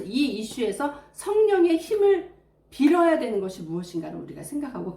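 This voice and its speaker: A woman's voice: sits high, mellow. Woman preaching in an echoey room. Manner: earnest, reflective preaching with personal testimony. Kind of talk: sermon.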